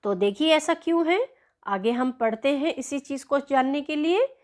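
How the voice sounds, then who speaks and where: A woman teacher, slowly and patiently explaining a worksheet lesson to young children. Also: sits high, darkish tone. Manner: slow, patient, addresses children often.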